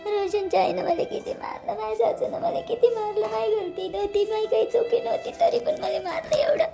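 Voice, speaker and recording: A woman's voice: extremely high pitch, fairly quick, gravelly, faint music behind. A woman playing a tearful young bride. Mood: sobbing. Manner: sobbing, tearful complaining. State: crying. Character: young wife beaten by her mother-in-law. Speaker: actor in a family drama. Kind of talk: amateur family drama acting.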